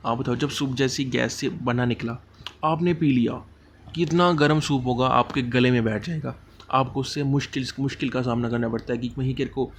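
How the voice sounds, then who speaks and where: A man teaching English idioms for an exam, explaining each in casual Hindi mixed with English and slowing down over the English phrases. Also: mid-range voice, fairly even intonation, slight background noise.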